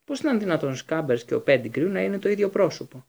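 Man reading a story, fairly high voice. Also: gravelly. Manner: expressive reading. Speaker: audiobook narrator. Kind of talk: scripted narration.

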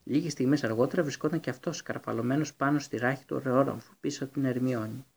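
Man, audiobook narrator, husky, steady, even. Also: medium pitch. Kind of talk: scripted narration.

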